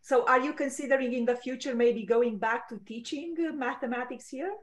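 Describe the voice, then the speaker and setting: A woman from Romania, leading an online class and warmly praising students' work. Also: high voice, a little fast. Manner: upbeat, encouraging, lavish with praise. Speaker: language teacher.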